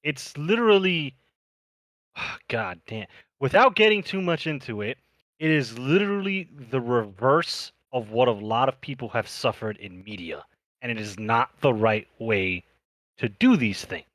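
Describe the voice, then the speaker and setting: A male podcast co-host rants through an opinionated panel discussion, sounding sarcastic and emphatic. His mid-range voice is animated, a little slow, and a bit bright, with no room sound.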